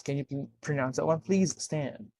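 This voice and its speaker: A man's voice: mid-range voice, expressive, a little slow, a little mellow. A man tutoring English one-to-one, explaining corrections step by step and checking understanding with "okay?". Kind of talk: one-to-one speaking lesson.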